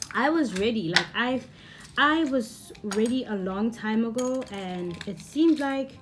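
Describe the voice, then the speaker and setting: Animated woman telling a story. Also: fairly high pitch, a little hiss or hum. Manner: animated, rambling, repeats herself. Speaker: vlogger. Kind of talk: storytime vlog.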